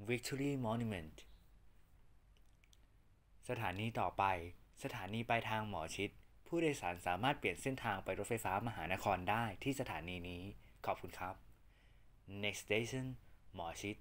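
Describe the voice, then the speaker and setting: Man, train station announcement, formal, measured, unhurried delivery, lowish pitch. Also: fairly bright tone. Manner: formal, measured, evenly spaced phrases.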